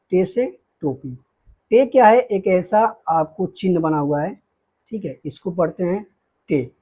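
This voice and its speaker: Patient, husky male teacher voice. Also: high-pitched, warm tone, low-quality recording. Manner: patient, repeats and checks with "okay"; slows down to spell out letters. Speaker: Urdu teacher. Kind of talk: alphabet lesson for beginners.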